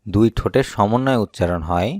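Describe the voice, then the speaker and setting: A man with a Bangladeshi Bengali accent teaching the sounds of the Arabic alphabet, repeating each point slowly and deliberately. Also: fairly low pitch, no room sound, studio quality. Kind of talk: slow instructional explanation.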